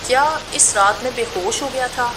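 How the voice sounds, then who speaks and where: A woman's voice: on the high side, background noise, close to an everyday voice. A woman reading the part of an injured, stubborn young man who speaks defiantly and questioningly in a storybook reading.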